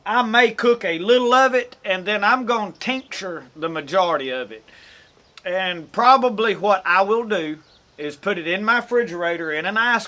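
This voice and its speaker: A man's voice: high voice, sharp tone. A man from Mississippi with a Southern accent, giving a folksy, rambling how-to talk as host of an outdoors channel. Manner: folksy and rambling, with self-corrections. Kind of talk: casual how-to explanation.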